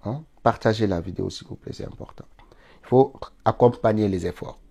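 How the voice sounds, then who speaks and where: Stuffed up with a cold, a Senegalese man delivers an insistent political monologue on a live stream, building to indignant high points. He talks a little fast in a fairly low, gravelly voice with a warm tone.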